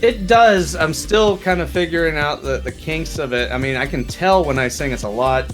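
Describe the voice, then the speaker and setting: A man appearing as a guest on a casual video interview, giving earnest advice in a relaxed way. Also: on the high side, moderate pace, music in the background. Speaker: guest streamer.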